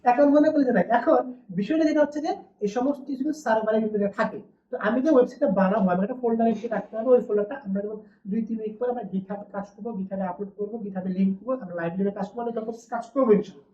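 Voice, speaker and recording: A woman's voice: a little high, rapid-fire, dark tone. A woman teaching a classroom lesson, often asking the class a question and then answering it herself. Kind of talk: classroom lecture. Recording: distant, dull, roomy classroom recording.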